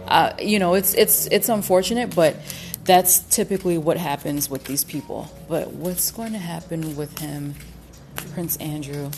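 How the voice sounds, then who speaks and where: Halting, low-voiced woman reading tarot. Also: darkish tone, a little hiss or hum. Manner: halting, with many fillers and repeated restarts; cautious, hedging with repeated qualifiers. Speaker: tarot reader. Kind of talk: casual tarot reading to viewers.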